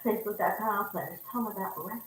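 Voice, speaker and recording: A woman hosting a live-stream interview, laughing often and answering with quick affirmations. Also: medium pitch, a bit bright, heavy reverb, far from the mic, a little hiss or hum, low-quality recording. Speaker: host.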